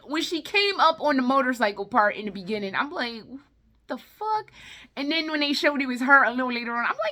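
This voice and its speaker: An adult woman, no longer young, vlogs film reviews in casual, chatty commentary that's blunt and exasperated, full of slang and swearing. Her voice sits high and sounds bright and forceful.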